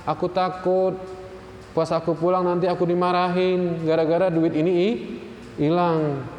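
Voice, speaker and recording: A man's voice: high voice, flat delivery, moderate pace, a little mellow, lo-fi sound, natural voice. A man voicing a frightened, tearful young slave girl in a retold story, speaking anxiously and pleadingly. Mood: fearful. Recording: echoey hall, faint room noise.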